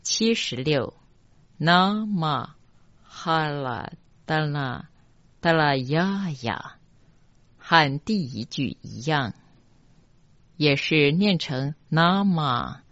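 Very slow, deliberate teacher. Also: medium pitch, lively intonation, fairly bright tone, dry recording. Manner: slow, deliberate, repeats each line syllable by syllable. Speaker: mantra chanting teacher. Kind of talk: pronunciation lesson. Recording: dull, dry lo-fi recording.

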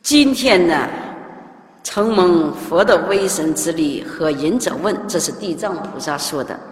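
A woman Buddhist teacher giving a dharma talk, telling stories in an animated way to her listeners. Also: a little slow. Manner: animated storytelling, lively pitch swings. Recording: echoey hall from far off.

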